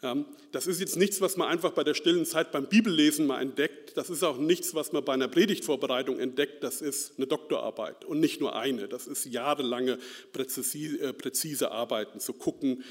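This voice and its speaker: A lay preacher from Central Hesse, Germany, delivers an informal sermon in a medium-pitched voice at a slightly fast pace. He's chatty and self-deprecating, full of fillers and "ne?" tag questions, and the hall is reverberant.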